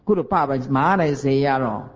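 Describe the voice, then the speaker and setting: A man's voice: mid-range voice, moderate pace, husky. A man with a Taiwanese Hokkien accent, a Buddhist monk giving a folksy sermon with chuckles and rhetorical questions. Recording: dull lo-fi recording.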